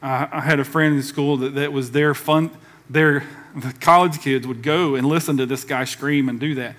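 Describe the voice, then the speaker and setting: A man's voice: mid-range voice, fairly even intonation, normal speed, fairly bright tone. A male pastor preaching a sermon, emphatic and conversational, drawing call-and-response from the congregation. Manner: conversational with casual asides.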